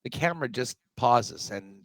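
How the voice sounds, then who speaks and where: A man's voice: mid-range voice, sing-song, normal speed, creaky, no room sound. A man on a video call, co-hosting a sports betting show in loose, chatty talk full of um and uh. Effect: remote guest on a video call. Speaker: sports betting podcast co-host. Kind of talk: casual sports betting chat.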